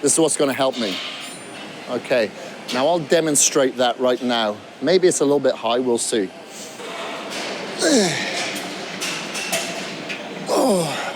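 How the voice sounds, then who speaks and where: Man, fitness trainer, gym workout instruction, middle pitch, demonstrating while talking, faint background noise. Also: moderate pace. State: out of breath at times.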